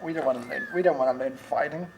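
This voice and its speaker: A man's voice: fairly high pitch, fast, darkish tone, a little hiss or hum. An older man, playfully reading picture books to a toddler at home, with teasing questions and animal noises.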